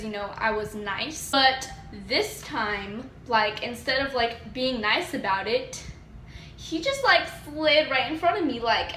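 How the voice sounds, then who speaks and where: Chatty teen girl, bright echoey room. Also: a little high, slight background noise. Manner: chatty, lots of "like", acts out quotes with sass. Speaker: storytime vlogger. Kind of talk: casual storytelling to camera.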